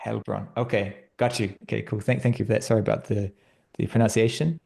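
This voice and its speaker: A man hosting an online research workshop on a video call, relaxed and friendly, with frequent fillers. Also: fairly low pitch, quick pace, vocal fry. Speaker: workshop host.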